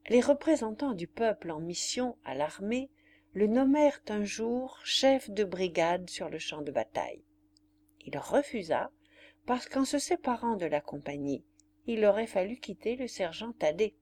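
A woman reading a novel aloud in a measured, storytelling manner. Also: mid-range voice, big pitch swings, darkish tone, a little hiss or hum. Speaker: audiobook reader. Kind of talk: scripted narration.

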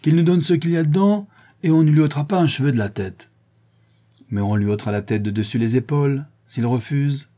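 A man voicing an angry, rabble-rousing village wheelwright in an audiobook, loud and goading. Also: mid-range voice, brisk, voice pushed up, lightly acted. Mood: defiant. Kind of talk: audiobook character reading.

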